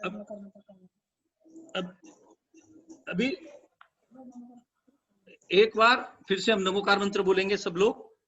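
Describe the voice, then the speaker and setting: A man with a high, husky voice teaches scripture in a patient, explanatory way. He restarts his words and chants short prayer lines between explanations. The recording sounds dull and lo-fi. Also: steady tone, slow pace, pauses often, fairly bright tone. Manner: patient, explanatory, repeats and corrects himself, chants prayer phrases. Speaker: religious teacher.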